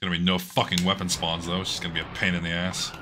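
An Australian man with a hoarse voice gives casual, excitable gameplay commentary, swearing freely and talking to himself as he plays. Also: deep voice, very fast, background noise. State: hoarse, losing his voice. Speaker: gaming channel host. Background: game music.

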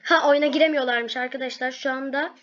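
A young girl chatting excitedly while playing a game, her voice going hoarse from talking loudly at home. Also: sits high, quick pace, a crowd in the background. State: losing her voice. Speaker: gaming vlogger. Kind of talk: excited gameplay chat. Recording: lo-fi home recording.

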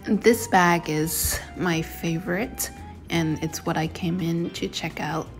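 A woman's voice: on the low side, steady tone, takes it slowly, over music. Chatty woman vlogger reviewing handbags. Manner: chatty, descriptive, reviewing products. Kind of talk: casual vlog narration.

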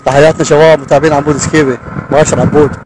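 A man's voice: on the high side, level tone, very fast, a crowd in the background. A man with an Iraqi accent casually presenting to followers and asking questions in a phone clip. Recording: noisy outdoor phone clip.

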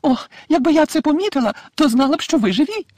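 A man voicing a frantic, tearful middle-aged witch mother in a high, shrill, sobbing voice, from an audiobook. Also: expressive, fast, a little mellow, no echo, clean studio sound.

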